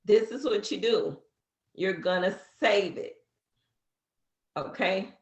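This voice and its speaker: A woman's voice: medium pitch, takes it slowly, echoey room. A woman in her fifties casually walking a beginner through an app step by step, chatty with fillers. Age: 50s. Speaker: business coach teaching social media. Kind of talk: casual how-to walkthrough.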